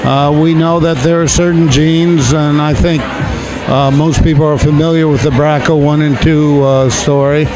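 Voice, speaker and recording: A mature man answering interview questions as a doctor, in a measured, hesitant and formal way. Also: fairly high pitch, poor audio. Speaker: doctor and hospital administrator, interviewee. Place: busy gala event. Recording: music and crowd chatter behind.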